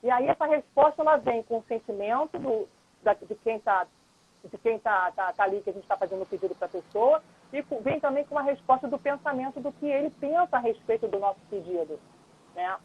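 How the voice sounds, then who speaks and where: This woman, a lawyer and mediator, talks as a live-stream guest, explaining patiently in a relaxed chat and checking in with the listener often. Her fairly high voice is a little rough, with lively intonation and a slightly fast pace. The live-stream audio is dull, dry and lo-fi.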